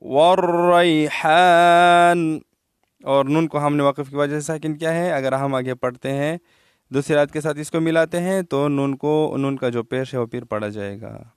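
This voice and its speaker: A Quran recitation teacher with a Pakistani Urdu accent gives a tajweed lesson, patiently explaining each letter, asking his pupils whether they understood, and slowing down to chant the verses. His mid-range voice is steady, slightly mellow, clear and resonant. The recording is dry and studio quality.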